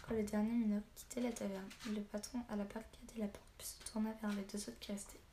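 Woman narrator, storybook reading, steady and flat in pitch, mellow tone. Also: quick pace, a little hiss or hum. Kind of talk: audiobook narration.

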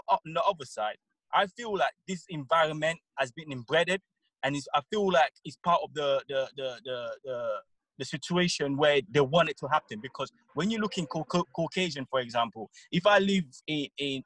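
A man in a casual panel debate, insistent and halting, often repeating words as he builds his argument. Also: a little high, fairly bright tone, dry recording, low-quality recording.

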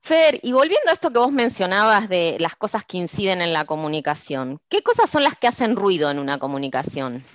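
A woman's voice: medium pitch, a little fast, hardly any pauses, no echo. A woman with an Argentine accent hosting a podcast, telling anecdotes in a chatty, casual way. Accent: Argentine Spanish. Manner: lively storytelling, chatty anecdotes. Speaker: podcast host.

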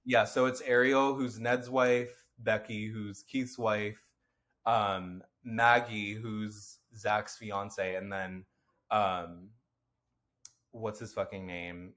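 A man's voice: on the low side, steady tone, slow, fairly bright tone. Nasal, rambling man chatting. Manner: rambling, swears freely, many fillers. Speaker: podcast co-host. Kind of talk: casual chat.

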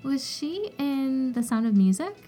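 A woman's voice: sits high, sing-song, mellow, faint music behind. A woman co-hosting a podcast, chatting casually about movies in a playful, giggly way. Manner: playful, giggly, quick to agree. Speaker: podcast co-host.

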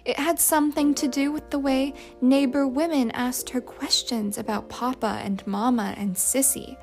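A woman reading a novel aloud as an audiobook narrator, calm and measured. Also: sits high, faint music behind. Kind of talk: scripted narration.

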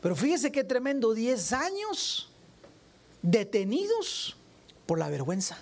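Preacher, male, lively sermon delivery that keeps firing questions at the pews. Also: very high-pitched, a little slow. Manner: animated, questions the audience directly. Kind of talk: sermon to a congregation.

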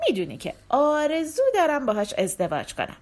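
A woman's voice: high-pitched, very animated, a little mellow. A woman voicing a bold young hero. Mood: earnest.

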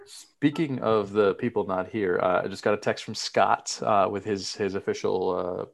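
A man's voice: lowish voice, moderate pace, creaky. A man hosting a sports podcast, laid-back and hesitant, with lots of "uh" and "um". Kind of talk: casual sports chat.

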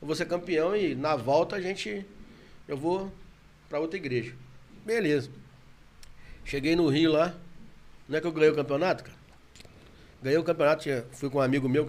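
A man with a Brazilian Portuguese accent telling his story in a casual, animated chat, often laughing as he talks. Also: slight background noise. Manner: animated, laughing, gets louder and higher when excited.

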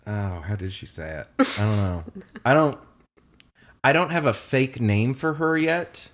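A young man co-hosting a casual chat, telling a story with lively acted-out quotes. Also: measured pace. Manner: animated storyteller, acts out quotes in a high voice. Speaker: podcast co-host.

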